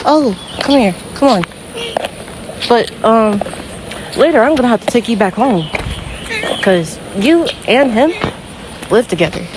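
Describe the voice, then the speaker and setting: Woman vlogging on a slow rural walk. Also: on the high side. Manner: chatty, talks to animals in a coaxing baby-talk voice. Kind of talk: casual vlog walking with animals. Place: outdoors on a rural road. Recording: steady outdoor background noise.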